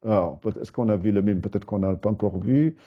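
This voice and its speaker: A man leads a beginner class, patiently repeating and breaking words into syllables. His voice sits a little low. The recording is dull and lo-fi. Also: a little fast, slightly rough. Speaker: Arabic teacher. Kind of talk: live beginner language lesson.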